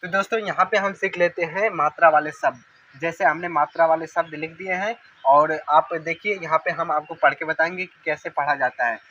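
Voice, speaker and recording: High, bright man teaching reading. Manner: sounds out syllables slowly, repeats words for correct pronunciation. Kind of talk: children's reading lesson. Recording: dull lo-fi recording with faint noise.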